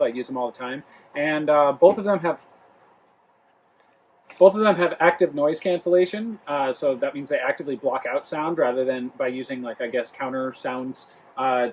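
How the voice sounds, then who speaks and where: A young Rhode Island man with a voice on the high side hosts a casual home product review vlog, though he's described as a travel vlog host. He talks loosely, full of fillers and restarts, from his living room near the kitchen. The audio is poor.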